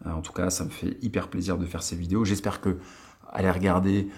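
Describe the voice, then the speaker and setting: A man's voice: low voice, little pitch movement, fast talker, a little mellow. A man in his late thirties from France, hosting a watch vlog in casual chat, rambling with many fillers and restarts, recorded in a countryside attic. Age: 30s. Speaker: watch channel host. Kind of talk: casual vlog talk to viewers.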